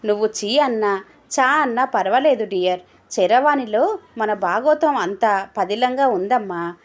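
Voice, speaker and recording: A sleazy young man from an audio storybook, crude and mocking, who talks with a leering, taunting edge. A woman reads him, keeping her own fairly high voice. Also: expressive, unhurried.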